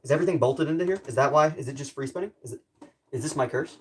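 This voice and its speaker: A man's voice: medium pitch, rapid-fire, slight background noise. A man livestreaming casually, rambling jokey self-deprecating commentary to his viewers while he works with tools.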